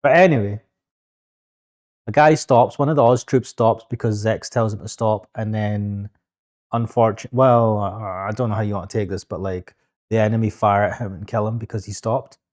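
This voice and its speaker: A man's voice: lowish voice, steady tone, moderate pace, a little mellow. A man co-hosting a podcast in casual chat, swearing freely and talking over his partner. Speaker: podcast co-host.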